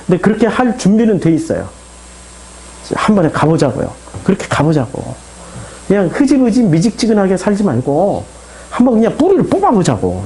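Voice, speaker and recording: Male pastor, lively, mellow tone, emphatic sermon delivery with plenty of rhetorical questions. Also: sits high, rough recording.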